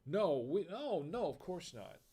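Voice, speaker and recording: A man's voice: fairly high pitch, very animated, a little slow, dark tone, slightly rough. An American man hosting a casual live stream, telling corny bar jokes, chuckling at them himself and reading viewer comments aloud. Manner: tells dad jokes and laughs at them; reads chat comments aloud. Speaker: livestream host.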